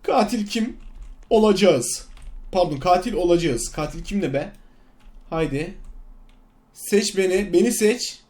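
A man giving casual commentary on his own gameplay, swinging between loud outbursts and sly muttering. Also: high voice, expressive, unhurried, long pauses. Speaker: gaming YouTuber. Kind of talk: casual Let's Play commentary.

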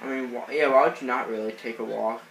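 The gaming channel host's voice is mid-range and gravelly, a bit bright, quick, with fairly even intonation. Sniffling from a cold, he gives rambling, casual commentary on baseball video game footage, full of fillers and restarts. It's an off-screen voice-over in an echoey room with faint noise.

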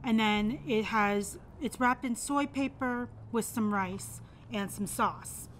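Seated at a table on an outdoor restaurant patio, a young woman films a casual food review vlog, chatting about every bite she takes. Her voice sits on the high side, and she speaks slowly. Noisy patio sounds fill the recording.

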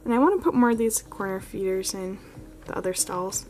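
A woman hosts her own model horse channel, giving a casual walkthrough in a carpeted room while filming up close with a handheld camera. Her medium-pitched voice is expressive, a little fast and a little mellow. She's chatty, filling her talk with lots of "like"s and "um"s.

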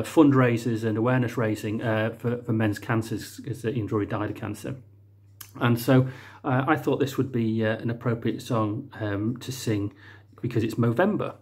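A man's voice: mid-range voice, a little mellow, breathy edge. A man chatting casually to camera after a song, hesitant and full of ums and restarts. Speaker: amateur singer, channel host.

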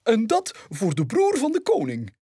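A man's voice: very high voice, wildly swooping pitch, a little slow, mellow, breathy edge, no echo, studio quality, voice pushed up, exaggerated voice. A man with a Flemish accent voicing a fussy, prim male bird advisor in a storybook reading.

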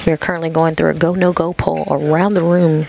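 A man with a gravelly voice, giving live event commentary. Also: a little high, flat delivery, brisk, darkish tone, faint music behind. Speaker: mission commentator.

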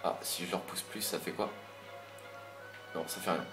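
Game music plays behind this young commentator's roomy-sounding voice, which sits low with a steady tone and moderate pace. His talk over the video game is casual and rambling, slightly irritated, with occasional mild swearing.

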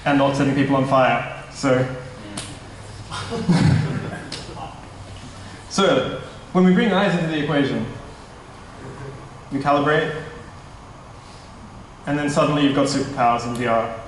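A man's voice: medium pitch, a little slow, pauses often, slight background noise. Young man presenting in an echoey hall. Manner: casual, slightly nervous, self-correcting. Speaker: tech startup presenter. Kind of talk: conference presentation. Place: meetup hall, indoors, large room. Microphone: stand mic at a distance. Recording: echoey hall, mic at a distance.

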